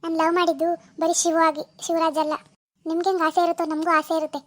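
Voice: very high voice, little pitch movement, quick pace, fairly bright tone, no echo. [name], a woman playing a hurt village girl. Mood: reproachful. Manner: reproachful, refusing, bitter. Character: young village woman, hurt and angry at a deceiving lover. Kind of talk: amateur phone-call drama.

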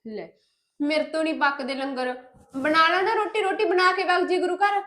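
A young woman playing a lazy, sharp-tongued young wife who bickers and defies her family in a village family drama. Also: extremely high pitch, moderate pace. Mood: defiant. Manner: defiant, bickering.

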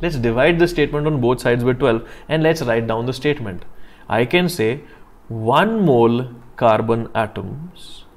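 A man with a North Indian accent teaching a live online class step by step, deliberate, repeating himself and often checking understanding with questions. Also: medium pitch. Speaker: chemistry teacher.

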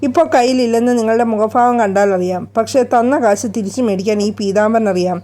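A woman voicing a gruff, threatening male moneylender with a sneering, menacing manner. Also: a little high, fast talker, mellow, close to an everyday voice.

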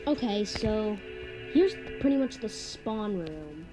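A woman's voice: mid-range voice, animated, slow, music in the background. A young woman giving a casual walkthrough of her game map, rambling and leaning on "pretty much". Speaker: map builder giving a tour.

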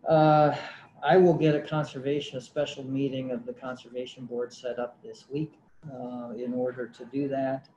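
A man's voice: medium pitch, flat delivery, moderate pace, warm tone, highs cut off. A man, a county conservation director, presenting a project at a public board meeting, hesitant with many fillers and restarts. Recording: roomy meeting-room audio, faint hum.

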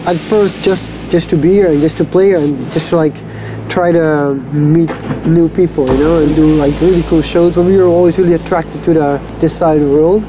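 A man's voice: a little high, fairly even intonation, moderate pace, noisy background. Casual man saying "like" a lot. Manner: casual, filler-heavy with many "like"s. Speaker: DJ interviewee. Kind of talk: documentary interview. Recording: music bed under voice.

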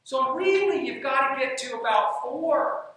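On a dark stage in a large hall, a man with a very high-pitched, sharp voice speaks unhurriedly with lively intonation. He gives an emphatic talk on leadership and coaching, repeating his key phrases often. The echoey recording sounds distant.

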